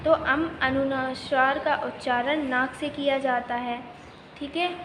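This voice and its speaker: A woman with a high voice teaches a primary school grammar lesson. She asks a question, then answers it herself, spelling words out syllable by syllable. The recording echoes with a faint hiss behind it. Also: fairly even intonation, slow pace. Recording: echoey room with faint noise.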